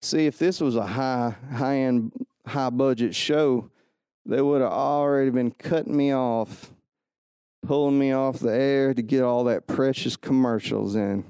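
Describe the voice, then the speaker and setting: A man's voice: mid-range voice, fairly even intonation, a little slow, dark tone, clean tone, dry recording, clean studio sound. A man hosting a solo podcast, rambling goofily and joking at his own expense. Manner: self-mocking, goofy, rambling. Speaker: podcast host.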